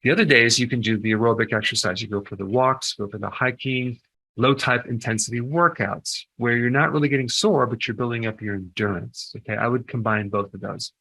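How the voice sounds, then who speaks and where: Bright-voiced older man giving health tips. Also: mid-range voice, a little fast, poor audio. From United States. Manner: conversational, punctuates points with "okay?". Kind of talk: informal health advice talk.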